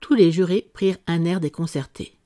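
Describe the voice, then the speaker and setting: Woman narrator, audiobook storyteller, measured, expressive. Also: on the low side. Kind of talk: scripted narration.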